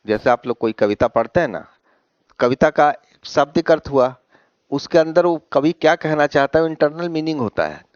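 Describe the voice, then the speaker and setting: A male teacher lectures a class in Hindi, mixing in English words and repeatedly checking that students follow, answering his own questions and often adding "है ना?". His voice is a little high, expressive and a little mellow at a moderate pace, recorded dry and slightly dull with no echo.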